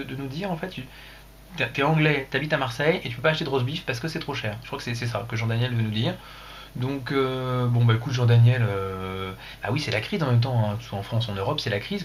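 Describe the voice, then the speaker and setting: A man's voice: mid-range voice, slight background noise. A man hosting a casual livestream, rambling and joking crudely, talking into a computer mic. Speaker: livestream host.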